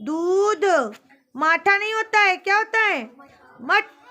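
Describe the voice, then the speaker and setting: A woman tutor with a very high, bright voice drills a class of pupils, sternly scolding their mistakes. She spells each word out slowly, letter by letter, taking her time and repeating the right form. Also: animated. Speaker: home tutor. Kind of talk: checking homework and drilling pupils.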